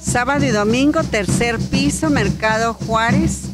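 Older woman pitching her products. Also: unhurried. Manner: friendly, promotional. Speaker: therapist. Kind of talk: casual interview. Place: large indoor event hall. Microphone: handheld mic held by host. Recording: loud music behind.

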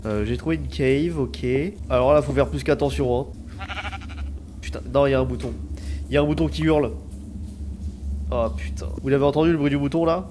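A man's voice: mid-range voice, noisy background. A young man giving chatty live gameplay commentary, swearing often and yelping when something startles him. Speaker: gaming video creator.

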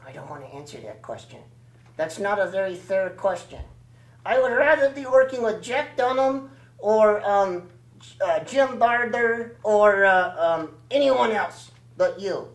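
Guy doing a sassy kid dummy, eight years old, a bit high, echoey room. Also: expressive, unhurried. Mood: indignant. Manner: sassy, rude little jokes. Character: cheeky eight-year-old boy ventriloquist dummy.

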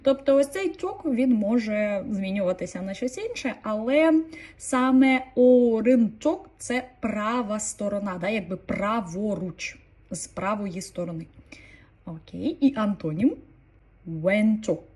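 A woman teaching an online language lesson, calmly explaining and repeating each new word. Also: medium pitch, a little slow.

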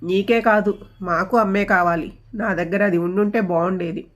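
A woman voicing a gentle, joking middle-aged father who teases his daughters in a storybook reading. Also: mid-range voice, fairly even intonation, normal speed, natural voice. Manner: teasing, dry humor.

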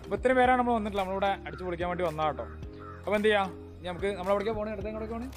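A travel vlogger with a Kerala Malayalam accent hosts a casual, enthusiastic commentary for viewers, blending English words into his Malayalam. His voice sits high and races along very fast, and he keeps repeating catchphrases of approval over soft background music.

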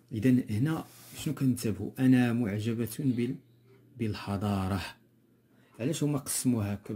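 Moroccan guy teaching a lesson, husky and kinda dark, slow patient walkthrough, says the key words twice. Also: medium pitch. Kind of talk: explaining a textbook lesson.

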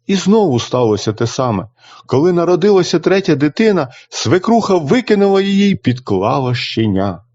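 A man narrating a folk tale for children in an expressive reading style. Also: mid-range voice. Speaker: storyteller. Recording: dull lo-fi recording.

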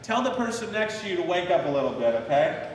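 Male pastor, high voice, call-and-response preaching, recorded from a distance in a reverberant church hall. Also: very animated, fast talker, noisy background. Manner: leads the congregation in call-and-response, repeating a memory verse. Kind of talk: sermon. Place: church sanctuary.

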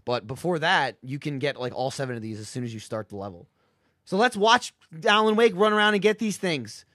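A man's voice: a little high, big pitch swings, a little fast, fairly bright tone, no room sound, clean studio sound. A man giving casual gameplay commentary, brash and swearing with mock exasperation. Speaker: game guide commentator.

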